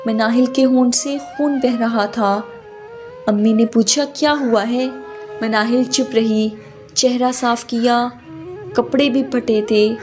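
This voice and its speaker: A woman narrating an emotional story in a steady storytelling manner. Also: fairly high pitch. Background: faint background music.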